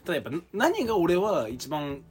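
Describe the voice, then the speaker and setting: Animated storyteller, a man in his 30s with a mild Fukuoka accent; rattles along at speed. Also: on the high side, a little fast, soft background music. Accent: Fukuoka dialect, mild. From Fukuoka, Japan. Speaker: podcast co-host. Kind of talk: casual chat.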